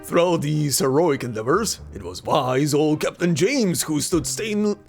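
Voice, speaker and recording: A gruff old seafaring man, acted out by a game player, full of pompous bluster. He is a proud ghost captain from a video game, with a lively, swinging delivery over music. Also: mid-range voice, measured pace.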